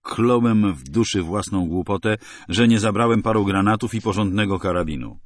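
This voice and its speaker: Male audiobook narrator, low register, dry booth sound, wry hard-boiled thriller read. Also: moderate pace, dry recording. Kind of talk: first-person thriller narration.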